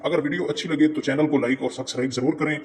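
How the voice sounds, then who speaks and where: A man teaching Quran reading step by step, spelling out letters and vowel marks slowly and repeating words patiently. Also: on the high side, steady tone. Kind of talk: step-by-step lesson.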